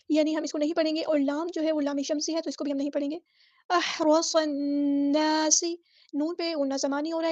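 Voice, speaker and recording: Woman, Pakistani Urdu accent, Tajweed teacher, high voice, steady pitch, dry muffled sound. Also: dry recording. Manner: explains each letter, then recites slowly and drawn out. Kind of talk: Quran recitation lesson.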